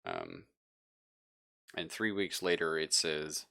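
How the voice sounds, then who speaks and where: Taking it slowly in a sing-song, creaky voice that's deep yet bright and forward, a game master improvises narration for a horror tabletop game. He's chatty and emphatic, paraphrasing often, and the recording is dry and studio-clean.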